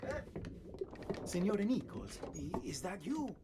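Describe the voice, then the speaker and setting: A worried ship passenger. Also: female voice, mid-range voice, sing-song, slow pace. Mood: anxious. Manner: anxious, calling out into the dark. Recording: loud noise, distant game audio.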